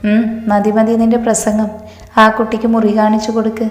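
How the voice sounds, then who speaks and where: A woman's voice: a little high, monotone, normal speed, natural voice. Woman doing kind older mom, mild scolding, echoey room. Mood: fond. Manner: fond, gently scolding. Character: affectionate older mother figure. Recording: roomy hall reverb, faint music.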